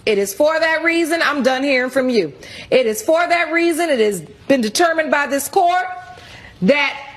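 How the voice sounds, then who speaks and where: Woman, TV judge, high pitch, blunt, commanding, scolding, courtroom questioning and rulings.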